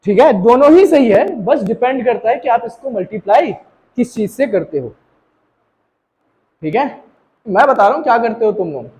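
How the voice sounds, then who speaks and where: A man's voice: extremely high pitch, animated, normal speed, pauses often, a little mellow, poor audio. A man teaching a maths class to students, talking to them directly, checking that they understand and mixing English maths terms into his Hindi. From India. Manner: talks to students directly, asking checking questions.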